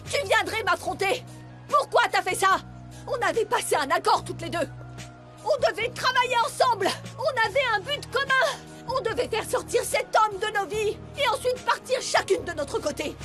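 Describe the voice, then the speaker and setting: A woman's voice: very high voice, pushed and bright, heavily acted. A woman dubbing a bitter, vengeful middle-aged daughter in a TV drama, speaking intensely and accusingly. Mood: furious. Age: 40s. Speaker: dub actress. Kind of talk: French dub of a TV drama.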